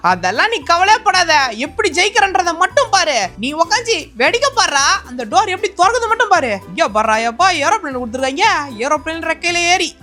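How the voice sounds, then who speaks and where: A woman's voice: extremely high pitch, big pitch swings, fairly quick, sharp tone, soft background music. A woman hosting a gaming video, giving chatty, teasing voiceover commentary as she plays. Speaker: gaming channel host. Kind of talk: playful game voiceover commentary.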